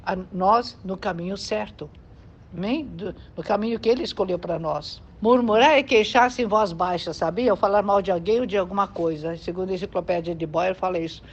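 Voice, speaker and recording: A woman's voice: medium pitch, brisk, husky. A Brazilian woman preaching to a congregation in a conversational way, often asking her listeners whether they agree. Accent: Brazilian Portuguese. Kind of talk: sermon teaching. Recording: dull lo-fi sound with faint background noise.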